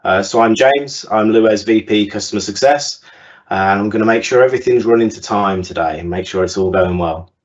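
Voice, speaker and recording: A man's voice: fairly low pitch, a little fast. Guy hosting a webinar, upbeat, lots of uhs, kinda dull lo-fi call sound. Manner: upbeat presenter with frequent fillers. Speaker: webinar host. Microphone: video call.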